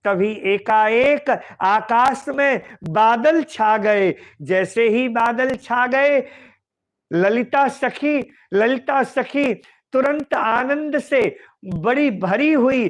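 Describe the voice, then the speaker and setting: Slow, emotive male devotional storyteller. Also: very high voice. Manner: slow, emotive, repeats phrases for emphasis. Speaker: spiritual storyteller. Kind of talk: devotional katha narration.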